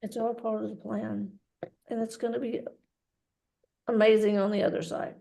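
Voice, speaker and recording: A woman working as a medium, relaying a spirit's messages in a halting way, often repeating words. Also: on the high side, level tone, creaky, mellow. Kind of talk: mediumship reading.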